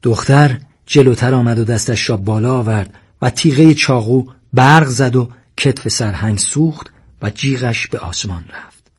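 A man narrating a story in a steady, measured reading voice. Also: medium pitch, slightly rough.

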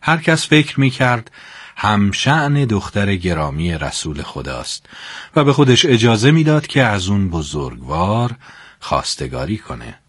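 A man narrating a religious story in an expressive, dramatic storytelling manner. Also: fairly low pitch, husky, dry recording, clean studio sound.

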